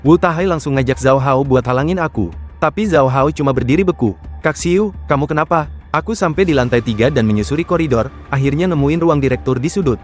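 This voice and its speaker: Fast-talking man narrating a story recap. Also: mid-range voice, soft background music. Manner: casual slangy storytelling.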